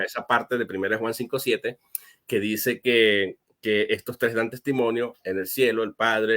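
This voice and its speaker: A pastor explaining a Bible question as an interview guest, earnest and step by step, with frequent fillers and restarts. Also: male voice, fairly low pitch, fairly bright tone. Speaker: guest answering viewer questions.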